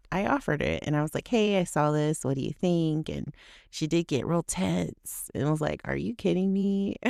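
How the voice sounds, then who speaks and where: Low, gravelly-voiced chatty woman host. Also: darkish tone, dry recording, clean studio sound. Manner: chatty and laughing, quoting herself and others. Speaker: podcast host. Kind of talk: personal reflection monologue.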